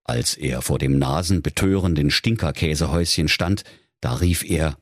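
Deep husky comic storyteller, man. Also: moderate pace, no echo, clean studio sound. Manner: lively, playful storytelling. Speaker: narrator. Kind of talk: comic fairy-tale narration.

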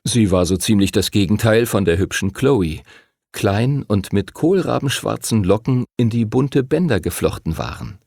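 A man narrating an audiobook in an expressive storytelling manner. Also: fairly low pitch, normal speed, creaky, dry recording, studio quality.

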